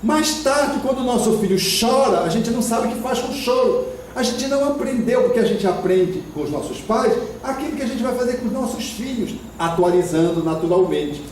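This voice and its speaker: Man, Brazilian accent, high voice, spiritist lecturer, expressive, very echoey hall, distant mic. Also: brisk, slight background noise. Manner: expressive, acts out parents and children.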